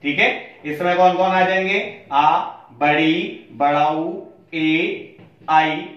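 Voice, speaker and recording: A man's voice: on the high side, highs cut off. A man teaching a class, asking questions and answering them himself, repeating key phrases. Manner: repeats phrases slowly for emphasis. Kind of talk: classroom lesson. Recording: very echoey room, voice from a distance.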